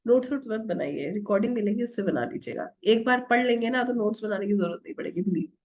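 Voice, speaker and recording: A woman's voice: mid-range voice, lively intonation, quick pace, a little mellow. A middle-aged woman teaching an online tarot workshop, asking the class questions and answering them herself, with English words mixed into her Hindi. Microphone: video call.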